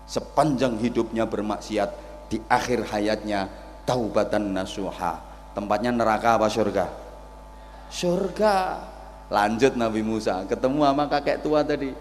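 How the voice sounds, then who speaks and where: Slow, joking Javanese preacher. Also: male voice, lowish voice, long reverb tail, slight background noise. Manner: theatrical, joking, switches into Javanese. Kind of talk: humorous sermon. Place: outdoor religious gathering.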